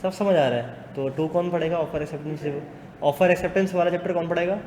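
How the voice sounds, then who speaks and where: A man teaching a business law class in a classroom. He talks fast, teases students and mixes English into his speech. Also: a little high, a crowd in the background. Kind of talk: classroom lecture. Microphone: not using the class mic. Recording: echoey classroom with long reverb and faint noise.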